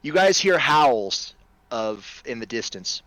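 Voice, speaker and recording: A man's voice: mid-range voice, sing-song, takes it slowly, a bit bright, rough recording. A man casually narrating a tabletop role-playing game as its game master.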